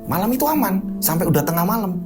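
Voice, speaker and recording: A man's voice: high voice, animated, fast. Chatty man telling a story. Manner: chatty, repeats tag questions. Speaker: storyteller host. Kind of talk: casual spoken storytelling. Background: background music.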